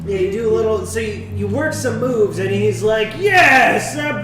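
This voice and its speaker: A man's voice: sits high, fairly even intonation, moderate pace, over music. A man narrating as game master of a tabletop game, rambling with many fillers. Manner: rambling, filler-heavy, laughs easily. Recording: echoey room, distant mic, noisy.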